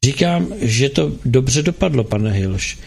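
A man's voice: mid-range voice, expressive, creaky, husky. A man voicing a country doctor who keeps up easy, reassuring small talk with a patient. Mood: soothing. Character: calm, chatty country doctor.

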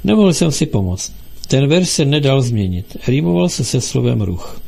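A man's voice: medium pitch, sing-song, vocal fry, a little mellow, slightly rough, exaggerated voice. A man voicing a vague, dreamy male poet held prisoner, who speaks in a musing way in an audiobook.

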